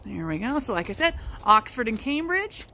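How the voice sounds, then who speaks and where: A woman's voice: a little high, sing-song, normal speed, bright, forceful tone, slight background noise. A young woman hosting a local business video, chatty and upbeat, talking casually as she walks and visits. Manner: chatty and upbeat, with frequent restarts. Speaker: real estate agent hosting a local business show. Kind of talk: casual live video walk-and-talk.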